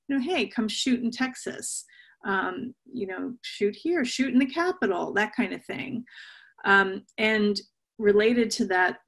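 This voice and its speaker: A woman's voice: medium pitch, creaky. This is a middle-aged woman speaking as a guest author over a video call from her home. Her voice sits in the middle of the female range, and her answers are reflective, loose and full of fillers, picked up through a laptop webcam. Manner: thoughtful, with frequent fillers and restarts. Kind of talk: conversational interview answers. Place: home room with bookshelves and shuttered windows.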